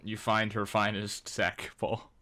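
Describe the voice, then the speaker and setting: A young man narrating a tabletop game as dungeon master, relaxed and full of fillers. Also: lowish voice, slow, noisy background. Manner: relaxed, laughing, hesitant with fillers.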